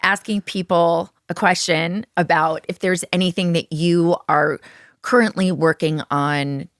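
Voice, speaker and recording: A woman podcast host with a somewhat low voice talks in a measured, reflective way. Her sound is close and dry. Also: steady tone, no room sound. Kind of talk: interview conversation.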